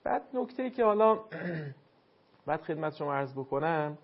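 A man's voice: a little high, big pitch swings, lo-fi sound. A man teaching Quran recitation on air, giving a caller formal, courteous and instructive feedback.

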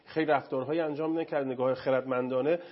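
A man explaining parenting styles on a talk show in a lecturing way, listing ideas and giving everyday examples. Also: mid-range voice. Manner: animated, lecturing with lists and examples. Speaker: family counseling guest expert. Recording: dull lo-fi broadcast sound.

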